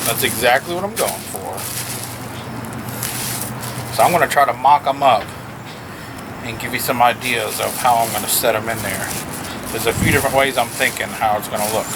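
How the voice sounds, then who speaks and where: A man's voice: mid-range voice, normal speed, long pauses. A man giving a casual, playful car vlog with informal showman-like asides, recorded outdoors. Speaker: car vlogger. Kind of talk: casual unboxing and car modification chat. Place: outdoors in strong wind. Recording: loud wind noise hitting the microphone.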